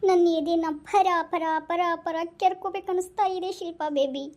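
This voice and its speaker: A woman's voice: extremely high pitch, moderate pace, mellow. A woman voicing a melodramatic, heartbroken young husband in a comic skit, whining and pleading. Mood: wailing. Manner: whiny, pleading, over-the-top lament.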